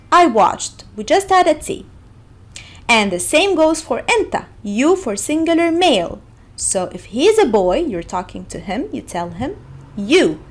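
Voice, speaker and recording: High-pitched, lively woman teaching. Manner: instructional, repeats and spells out examples. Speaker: language teacher. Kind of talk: explanatory video lesson.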